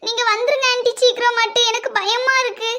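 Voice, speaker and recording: A frightened teenage girl, voiced by a woman, pleads down the phone in a cartoon. Her voice is very high and shakes as she speaks. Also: flat delivery, brisk, pushed and bright. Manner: trembling, pleading. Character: scared teenage girl calling her aunt. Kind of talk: cartoon voice acting.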